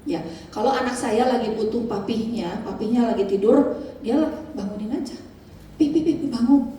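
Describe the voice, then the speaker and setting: A woman's voice: mid-range voice, mellow, a little hiss or hum. A woman preacher giving a sermon, telling personal stories in a conversational, emotive way. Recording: echoey hall, distant mic.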